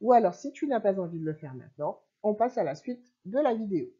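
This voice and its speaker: A woman teacher giving a remote reading lesson to young children, sounding out syllables slowly and clearly and encouraging the child. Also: mid-range voice, very animated, dark tone, muffled recording. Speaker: primary school teacher.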